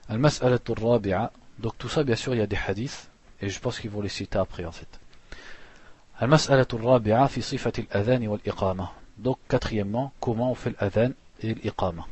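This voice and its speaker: A man teaching a religious lesson, reading passages fast and then explaining them plainly with restarts. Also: lowish voice, darkish tone, dry recording. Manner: reads Arabic passages quickly, then explains slowly with restarts; clears throat now and then.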